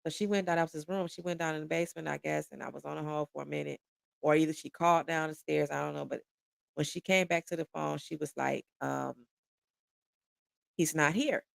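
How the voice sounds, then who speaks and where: A woman from Detroit, a podcast guest, telling a personal story in an animated, conversational way. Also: deep voice, fast talker, creaky, no room sound.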